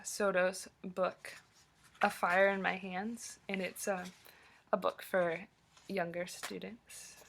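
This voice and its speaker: A young woman, a student, reads poems aloud and then talks to her classmates about them with hesitant fillers. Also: mid-range voice. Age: young adult. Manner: plain, unhurried reading with hesitant fillers when speaking freely. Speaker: student presenter.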